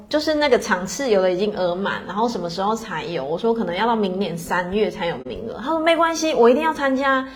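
A middle-aged woman telling a personal story in a casual, chatty way, full of fillers and tag questions. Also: medium pitch. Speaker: podcast host.

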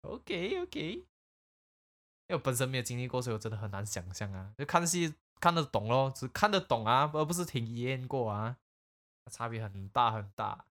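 A man's voice: medium pitch, sing-song, moderate pace, fairly bright tone. A man hosting a casual chat, curious and asking many questions.

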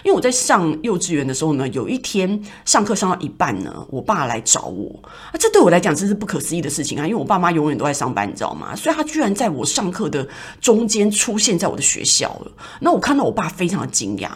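A woman's voice: on the low side, huge pitch swings, fast, breathy edge. A woman with a Taiwanese Mandarin accent, hosting a podcast and telling personal stories in a reflective, rambling way with many fillers. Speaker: podcast host. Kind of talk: casual personal storytelling.

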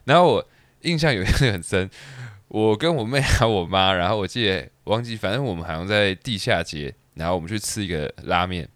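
Male podcast host, fast animated storyteller, bright tone. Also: on the low side, no room sound. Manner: animated storyteller, quick restarts, laughs at his own story. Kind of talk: casual chat, telling a personal story.

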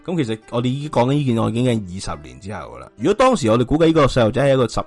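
A man's voice: mid-range voice, very animated, racing, faint music behind. A man with a Hong Kong Cantonese accent hosting a casual true-crime discussion, speculating colloquially and throwing out rhetorical questions. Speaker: podcast host.

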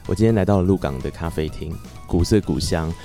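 Taiwanese guy hosting a podcast, deep mellow voice, chatty and upbeat, soft music under it. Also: fast talker. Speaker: podcast host. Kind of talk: casual chat. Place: old-house café.

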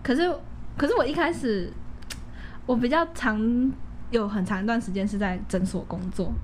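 Podcast co-host: young Taiwanese woman, slightly high voice, playful casual storyteller, faint background noise. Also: normal speed, darkish tone. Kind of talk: casual chat, telling anecdotes.

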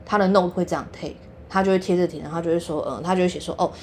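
A young woman with a Taiwanese Mandarin accent tells a story in casual chat, indignant and animated. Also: fairly low pitch, rapid-fire, a little hiss or hum.

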